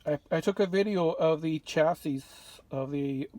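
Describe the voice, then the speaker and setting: In his home workshop, a man who restores old radios walks through his work in an off-the-cuff show-and-tell, relaxed and prone to fillers and restarts. His pitch is fairly high, his pace a little slow, and there is no echo.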